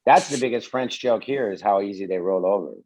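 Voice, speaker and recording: A man's voice: lowish voice, brisk, darkish tone, no room sound. An American man hosting a casual podcast chat, asking curious questions and wisecracking. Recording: slightly dull lo-fi sound.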